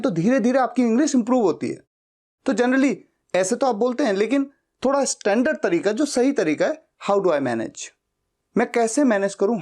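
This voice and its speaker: Explaining in Hindi, his first language, this young man teaches spoken English and says each English sentence slowly and deliberately. He has a high voice with a darkish tone.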